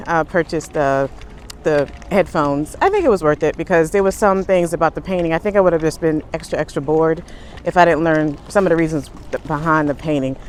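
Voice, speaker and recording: A woman's voice: mid-range voice, slight background noise. A woman vlogging while travelling, chatting casually to a handheld camera as she walks through busy public places. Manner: chatty, upbeat commentary while walking. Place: outdoors and in public transport, on the move.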